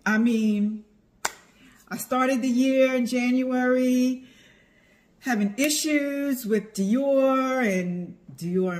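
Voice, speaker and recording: Slow-paced middle-aged woman vlogger. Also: fairly high pitch, a little mellow. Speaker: vlogger, tax preparer. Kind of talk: casual chatty vlog to followers.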